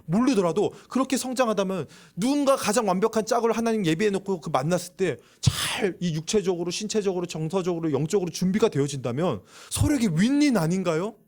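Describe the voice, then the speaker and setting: Speaking fast with few pauses in a high-pitched voice, a youth pastor preaches to young people in a church sanctuary. His delivery is lively as he poses questions to listeners and performs the voices of those he quotes.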